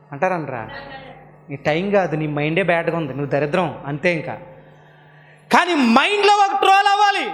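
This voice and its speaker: A male pastor preaching a sermon, quizzing the congregation and swinging between low and high tones. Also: fairly bright tone. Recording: long reverb in a hall.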